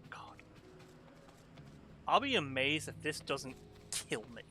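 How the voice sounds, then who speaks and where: A man's voice: a little high, very animated, slow, bright, forceful tone, slight background noise. A man streaming a video game playthrough, chatting casually, cursing and joking to himself, and sometimes reading the game's dialogue aloud. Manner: swears freely and jokes to himself, also reads game dialogue aloud. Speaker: gaming streamer.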